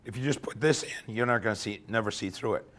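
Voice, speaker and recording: Fast and fairly bright, this man's lowish voice fills a lecture room where he's giving an informal technical talk at a workshop despite losing his voice. He keeps things conversational, regularly finishing points with "okay?"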